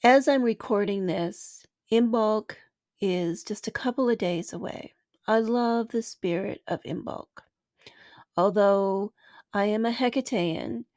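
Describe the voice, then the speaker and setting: A woman hosting a spiritual podcast speaks slowly and gently, letting phrases trail softly, sometimes almost to a whisper. Her voice sits at a middle pitch. The sound is close and dry, with no room around it. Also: no echo. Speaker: podcast host and spiritual teacher. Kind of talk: slow reflective podcast talk.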